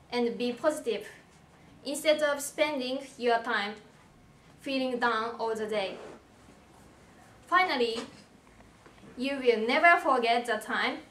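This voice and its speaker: Young woman slowly reading a speech. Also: high-pitched, a bit bright. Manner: slow, careful, reading from notes. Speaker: commencement speaker. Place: indoor hall with a lectern. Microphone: far camera. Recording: roomy hall sound from far off.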